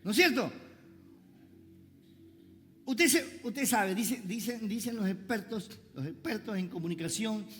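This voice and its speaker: A man preaching a sermon in a church. He jokes with the congregation, has them repeat phrases after him, and swings between loud outbursts and quiet asides. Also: sits high, unhurried, pauses often, long reverb tail, soft background music. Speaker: pastor.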